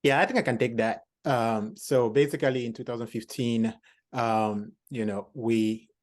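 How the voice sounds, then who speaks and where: A man from Cameroon, founding director of a health program, explaining its background in a measured way with many fillers. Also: medium pitch, fairly even intonation. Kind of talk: panel conversation.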